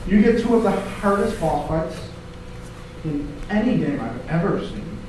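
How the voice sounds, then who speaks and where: A man's voice: sits high, animated, a little slow, a little mellow. A man co-hosting a casual, opinionated video game retrospective. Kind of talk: casual chat commentary. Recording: very echoey room, distant mic, noisy.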